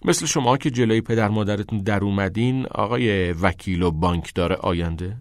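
A man voicing a frustrated, angry teenage student in a novel read aloud, talking in a sharp, scornful way. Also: on the low side, no echo, studio quality, natural voice. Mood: bitter.

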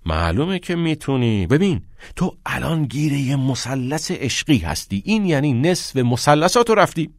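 A man's voice: mid-range voice, sing-song, no room sound, clean studio sound, voice pushed up. A man voicing a joking schoolboy. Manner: jokey.

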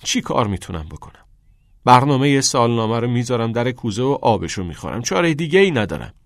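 A man voicing a frustrated, angry teenage student in a novel read aloud, talking in a sharp, scornful way. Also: mid-range voice, very animated, no room sound, clean studio sound, voice pushed up. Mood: bitter.

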